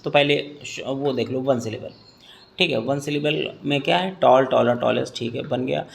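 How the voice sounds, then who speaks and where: Male teacher, 30s, Hindi accent, gravelly mid-pitched voice, patient lesson delivery with frequent check-ins, faint room noise. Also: moderate pace. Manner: patient, repeats key points, checks in often. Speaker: English grammar teacher. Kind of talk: classroom lesson explaining to students.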